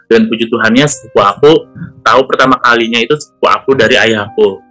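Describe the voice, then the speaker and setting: A man's voice: medium pitch, fast, pushed and bright, soft background music. A man giving a casual spoken testimony, chatty, with frequent retelling of what he said and heard. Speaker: testimony speaker.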